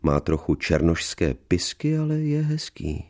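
A man's voice: low voice, sing-song, a little mellow. A man voicing a jealous, spiteful young woman with a biting, sarcastic way of talking.

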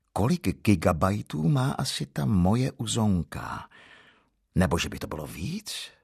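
Deep gravelly man reading deadpan. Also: no echo. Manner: dry, deadpan, self-ironic. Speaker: author reading his own story. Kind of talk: humorous first-person story reading.

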